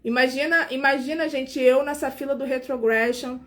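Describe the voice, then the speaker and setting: Her high-pitched voice holds a steady tone at a moderate pace as she hosts a relaxed live stream. The Brazilian nurse, in her 40s, sounds tired, talks chattily with plenty of fillers, and speaks warmly straight to her viewers.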